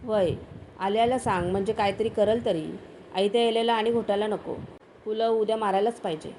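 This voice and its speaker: A woman voicing a rough, rash village man who speaks in rustic dialect, urgent and pleading. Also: medium pitch, fairly even intonation, normal speed, mellow, a little hiss or hum, natural voice, rough recording. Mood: scheming.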